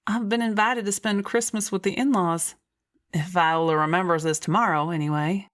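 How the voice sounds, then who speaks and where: A woman voicing a gentle, sincere daughter-in-law in an audiobook, tender and earnest. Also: on the low side, normal speed, natural voice. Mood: lighter. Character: gentle, grieving young widowed daughter-in-law, sincere and forgiving.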